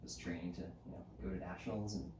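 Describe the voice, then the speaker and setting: A man from the United States, a podcast guest and climbing route setter, telling stories in a casual, animated way with frequent laughs and lots of "like" fillers. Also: low-pitched, fast talker, far from the mic. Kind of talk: casual conversational storytelling. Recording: roomy, off-mic, faint background noise.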